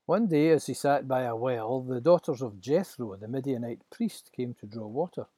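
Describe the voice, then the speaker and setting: Male storybook narrator, dark, husky, dramatic, dry close sound. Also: mid-range voice, lively intonation, normal speed, dry recording.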